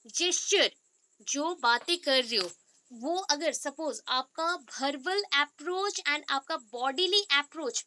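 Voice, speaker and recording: Bright high-voiced Indian woman teaching. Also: no room sound. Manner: explains step by step, checks in with listeners; reads English points out slowly. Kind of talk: B.Ed exam lecture in Hindi-English mix.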